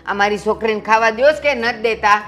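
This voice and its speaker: A woman's voice: a little high, fairly quick, fairly bright tone, soft background music, close to an everyday voice. A woman playing a scolding mother-in-law. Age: middle-aged. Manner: scolding, mocking, blunt. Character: sharp-tongued mother-in-law scolding her son-in-law.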